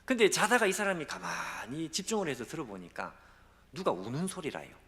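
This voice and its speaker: A man as a guest pastor preaching a sermon, telling a dramatic story and acting out the quoted voices, at times dropping to a hush. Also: fairly high pitch, wildly swooping pitch, a little fast. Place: church sanctuary. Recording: long hall reverb.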